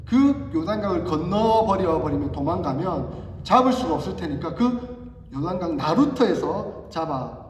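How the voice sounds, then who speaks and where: A man's voice: high-pitched, muffled recording, slight background noise. A man preaching a sermon as pastor to his congregation, telling the story playfully and trying out dialect examples on his listeners. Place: church sanctuary. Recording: echoey hall, voice from far off. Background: long hall reverb.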